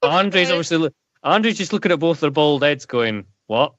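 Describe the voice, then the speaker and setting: A male podcast panellist chats casually about wrestling. His pitch is fairly high and moves in a lively way. The sound is dry. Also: moderate pace, no room sound, dull audio.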